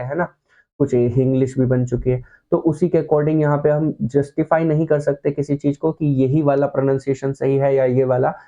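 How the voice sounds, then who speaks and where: A man's voice: mid-range voice, phone-quality sound. A man teaching an online class, patiently walking through words and often checking that his students are following. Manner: casual and reassuring, mixes in English words. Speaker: shorthand teacher.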